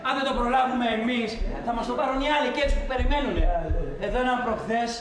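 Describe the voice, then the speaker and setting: A man's voice: extremely high pitch, reverberant, over a noisy crowd. A man playing a brash, pushy undertaker who talks slangy and blunt on a phone call, in a comedy film. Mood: hustling. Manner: slangy, blunt, shouting down a bad line. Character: brash pushy male undertaker hustling for business.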